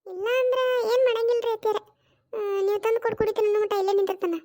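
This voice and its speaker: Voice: extremely high pitch, steady tone, racing, warm tone. A performer voicing an insistent young daughter-in-law in a cartoon, coaxing and pleading with a North Karnataka Kannada accent. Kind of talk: cartoon voice acting.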